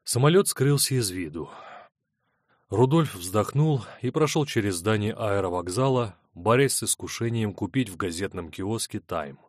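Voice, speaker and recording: A man narrating an audiobook in a steady, measured reading. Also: lowish voice, dry recording, clean studio sound. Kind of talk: scripted narration.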